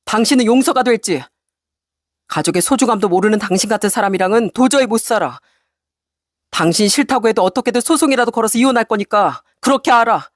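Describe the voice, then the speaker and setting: A woman's voice: fairly high pitch, dry recording, studio quality. A woman reading a cold, firm husband. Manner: flat, cold, deliberate. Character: cold, resolute middle-aged husband. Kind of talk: storybook radio narration.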